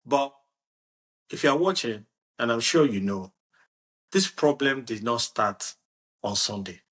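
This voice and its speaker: A man hosting a casual football discussion, animated and restarting his sentences often. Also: mid-range voice, takes it slowly. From Nigeria. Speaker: podcast host.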